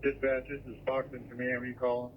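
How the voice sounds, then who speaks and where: A man's voice: medium pitch, completely flat delivery, quick pace, slight background noise. A man acting as fire incident commander, giving clipped, businesslike calls over a two-way scanner radio. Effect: heard over a two-way scanner radio. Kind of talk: emergency radio traffic. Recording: muffled scanner radio transmission.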